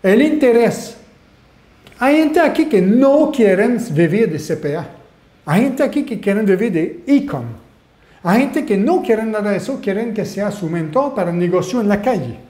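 Speaking at a moderate pace in a high voice, an online marketing mentor presents a lively webinar and asks his audience questions. He's a native French speaker with a French Canadian accent, and the sound is reverberant.

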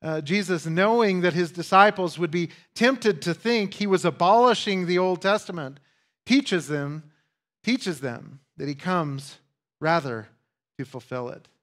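A man's voice: high-pitched, unhurried, fairly bright tone. A male pastor giving a conversational teaching sermon, with asides and emphatic repetition.

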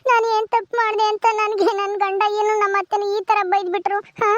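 A woman's voice: very high-pitched, flat delivery, brisk, muffled recording. A woman acting a distraught young village wife who wails and laments in a sobbing voice, speaking. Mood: tearful. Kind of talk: village family drama.

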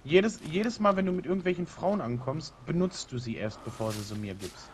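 A man's voice: medium pitch, very animated, darkish tone, a little hiss or hum. A man joking and teasing his friend while commentating a multiplayer game. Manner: teasing, joking, quick mocking asides. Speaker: let's play commentator. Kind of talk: casual gaming banter.

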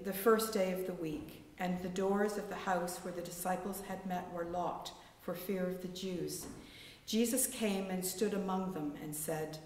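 A woman reading the gospel aloud at a church service in a calm, steady, deliberate way, with a cathedral echo. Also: fairly low pitch. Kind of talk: liturgical scripture reading. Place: large church. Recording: distant voice in an echoey cathedral.

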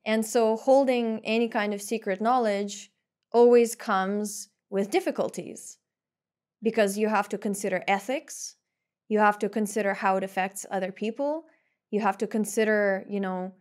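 A woman's voice: mid-range voice, darkish tone. A woman co-hosting a casual podcast conversation, easygoing, with light laughs and fillers. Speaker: podcast co-host.

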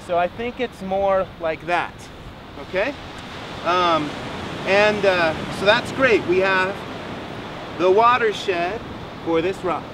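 A man's voice: high-pitched, slow, pauses often. Encouraging male teacher on a windy beach. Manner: encouraging, explains step by step. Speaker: rainwater harvesting teacher. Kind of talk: outdoor teaching demonstration. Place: sandy beach outdoors by the surf. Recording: distant outdoor mic with surf noise. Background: waves and wind.

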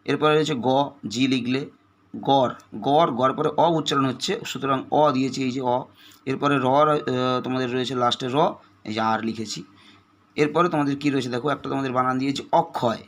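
A man's voice: mid-range voice, steady tone, fast talker, fairly bright tone, a little hiss or hum. A man teaching an exam-prep lesson, patiently breaking words into single sounds, with a West Bengal Bengali accent.

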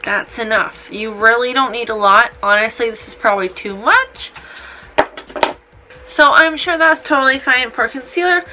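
In a small room indoors, a twenty-something woman runs through a casual makeup tutorial, rambling tipsily with blunt, sweary remarks. Her voice is fairly high with a sharp tone at a normal speed. The audio quality is poor, with faint music in the background.

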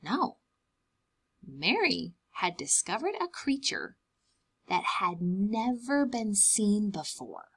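Taking her time, a young woman with a husky, mid-range voice and big pitch swings reads a picture book to small children. As a preschool teacher, she uses dramatic emphasis and offers simple asides to explain things.

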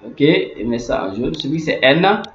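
A man's voice: medium pitch, very animated, normal speed, a bit bright, slight background noise. A man explaining a language lesson over on-screen notes, repeating phrases with many fillers and muttered asides. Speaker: language teacher. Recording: echoey room, dull lo-fi sound.

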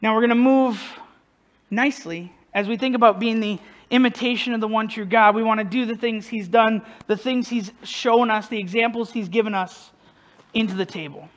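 A man's voice: sits high, fairly even intonation, moderate pace. A male pastor preaching a casual sermon, conversational and self-deprecating, who often puts questions to the congregation. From northern United States.

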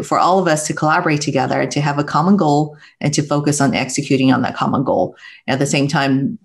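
A middle-aged woman from Taiwan, a guest speaking earnestly and reflectively with soft laughs, heard over earbud mic on a video call from a home room. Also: sits low. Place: home room with bookshelves, indoors. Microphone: wired earbuds headset on video call.

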